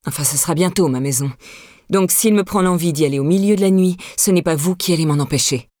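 A woman voicing a proud, grieving woman, low and subdued. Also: fast talker, dark tone, dry recording, clean studio sound, natural voice. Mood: haughty. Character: proud, grieving middle-aged woman, cold then fragile.

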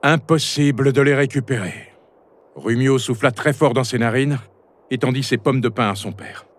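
A man narrating a children's storybook chapter in an expressive storytelling manner. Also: medium pitch, normal speed.

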